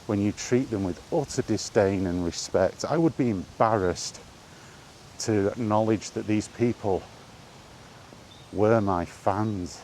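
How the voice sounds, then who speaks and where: A British man with a lowish, slightly mellow voice speaks slowly in an off-the-cuff, exasperated and sweary rant, like a gaming vlogger chatting on a walk, repeating rhetorical questions. The recording is rough and made outdoors, with clear background noise.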